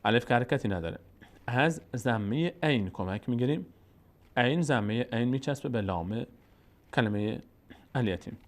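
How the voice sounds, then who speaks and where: A man with an Afghan Dari accent teaching how to read Quranic letters, patiently repeating syllables slowly and drawing them out. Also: mid-range voice, lively intonation. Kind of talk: slow step-by-step recitation lesson.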